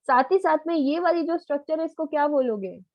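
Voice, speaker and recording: A woman's voice: sits high, lively intonation, fairly quick, no room sound, lo-fi sound. A woman biology teacher giving a live online lecture, coaxing answers out of her students in a familiar, quizzing way.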